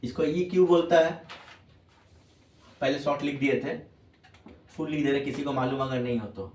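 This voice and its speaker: In a classroom lecture, a man teaches tax, repeating questions to check students follow and calling them "babu." His voice is medium-pitched and a little mellow at a moderate pace, recorded far from the mic in an echoey room with slight hiss or hum.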